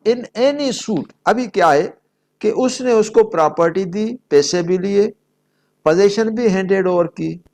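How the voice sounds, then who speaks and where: Slightly mellow and pitched high, this man's voice carries a law lecture in which he reads formal statutory text aloud. He teaches by repeating and rephrasing each point and offering simple examples.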